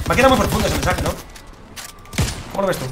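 A young man with a Spain Spanish accent, commentating his gameplay to viewers in a chatty, slangy, excitable way. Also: high voice, fast, noisy background. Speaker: gaming streamer. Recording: loud game music behind.

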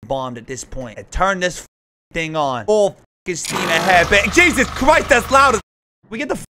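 A young man live streaming a horror game, giving excitable, scared, jumpy commentary and griping as he plays. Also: high voice, moderate pace, background noise. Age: young adult.

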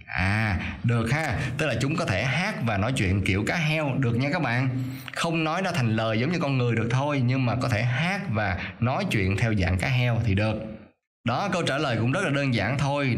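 A male teacher doing a voice-over for a lesson: he reads English sentences slowly and carefully, then explains them quickly. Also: mid-range voice. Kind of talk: explaining an English reading exercise.

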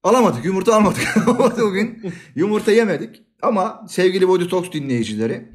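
A man co-hosting a casual podcast about communication, with a slight Aegean accent, animated and laughing often. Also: sits high, brisk. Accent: slight Aegean Turkish. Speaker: podcast co-host.

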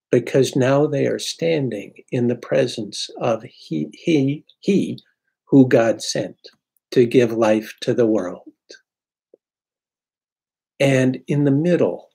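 A man in his sixties, a priest, giving an unhurried, reflective sermon from his home study into a webcam. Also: medium pitch, vocal fry, mellow, slightly rough. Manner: unhurried, reflective preaching with pauses. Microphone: webcam at desk.

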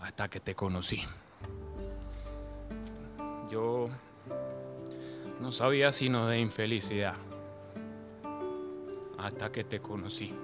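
An actor playing a brash, lovestruck macho suitor in a telenovela, folksy and exuberant. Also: male voice, on the low side, steady tone, slow pace, long pauses, loud music behind the voice. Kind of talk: telenovela acting.

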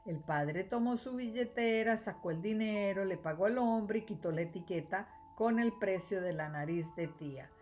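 A woman teacher reading a children's storybook aloud, clear and expressive. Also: mid-range voice, normal speed, hardly any pauses, faint music behind. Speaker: third-grade teacher.

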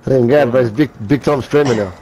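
A man with a mid-pitched voice talks quickly over game voice chat. His banter is casual and joking, with noticeable noise and clicking behind it. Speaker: online teammate.

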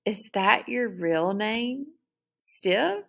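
A woman's voice: lowish voice, slow, gravelly, a bit bright, exaggerated voice. A woman voicing a sneering teenage girl bully with a nasal voice, drawing out mocking taunts in an audiobook reading.

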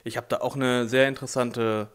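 Smooth and fairly quick, this mid-range male voice keeps a level tone. He's a German-accented gaming video host with a slight cold, talking casually and at length while he plays, game music running underneath.

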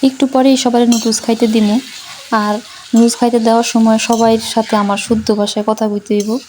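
A woman in her thirties chatting casually at home as she cooks, slipping between polished standard speech and her relaxed regional dialect. Her voice is mellow and a touch high. Soft sizzling from the pan sits faintly behind her. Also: moderate pace, a little hiss or hum. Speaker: cooking vlogger. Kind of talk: casual chat while cooking.

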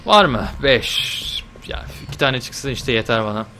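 A young man giving casual, chatty commentary while playing a video game, talking to the game and swearing lightly with sudden excited outbursts. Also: mid-range voice, moderate pace, slight background noise. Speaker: gameplay video host. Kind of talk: casual let's-play commentary.

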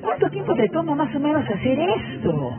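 A woman's voice: high-pitched, huge pitch swings, moderate pace. A middle-aged woman doing an informal live report and interviewing as a field reporter. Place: room in a home, indoors. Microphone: handheld microphone. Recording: tinny phone-like live feed, music behind.

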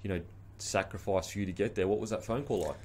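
A man's voice: fairly low pitch, steady tone, quick pace, a little mellow. A man in his thirties with an Australian accent hosting a podcast interview, chatty and encouraging with casual slang. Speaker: podcast host. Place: small studio with logo backdrop. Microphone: studio mic on boom arm.

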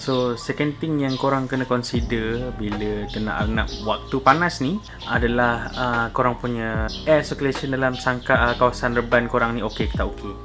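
A man's voice: medium pitch, normal speed, music in the background. A young man with a Malaysian accent giving casual how-to tips as a rabbit farmer, chatting in a covered outdoor shed and slipping English phrases into his talk.

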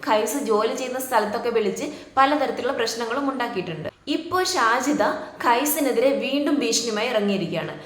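A woman's voice: a little high, expressive, fast, slight background noise. Scolding woman in an echoey room. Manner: scolding, lecturing. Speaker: reaction YouTuber. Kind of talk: reaction commentary.

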